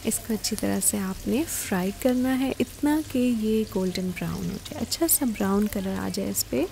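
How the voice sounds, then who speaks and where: Guiding viewers through a recipe one step at a time, a cooking-show host speaks in an expressive, mid-range voice with a dark tone at a moderate pace. Clear kitchen sounds of frying, sizzling and stirring fill the background.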